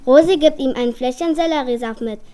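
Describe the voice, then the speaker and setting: Woman storyteller, high light voice, lively children's story reading. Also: a little fast.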